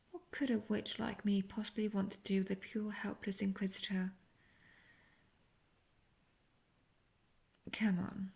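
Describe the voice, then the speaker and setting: Teasing and amused, a woman with a medium-pitched voice and vocal fry plays a seductive, manipulative, obsessive witch in an intimate audio roleplay. She coaxes the listener with soft talk that fades into near-whispers. The audio is dull.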